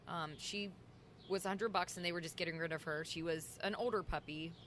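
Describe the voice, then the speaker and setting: A woman guest on a podcast, telling stories in a lively way and laughing often, in an outdoor courtyard. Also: lowish voice, a little fast, slight background noise. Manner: laughing, animated storyteller. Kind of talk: casual conversation.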